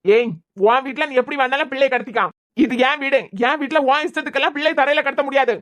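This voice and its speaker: A woman voicing a hot-tempered young husband and father in a cartoon serial, scolding loudly with a Kanyakumari Tamil accent. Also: high-pitched, fairly even intonation, fast talker, natural voice. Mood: angry. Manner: scolding, raising his voice.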